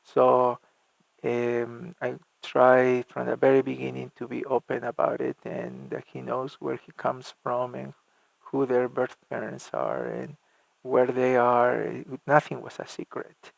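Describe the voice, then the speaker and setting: A middle-aged Argentine man who works as a church music minister recounts his life story in an interview, stumbling along with lots of fillers and false starts. His voice sits at medium pitch with a creaky quality, and the rough recording has no echo.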